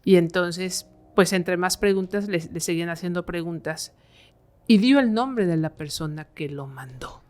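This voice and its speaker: A woman's voice: on the low side, a little slow, darkish tone. A woman, a podcast guest, telling a horror story in a conversational way, full of fillers. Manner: conversational, many fillers like "eh" and "este".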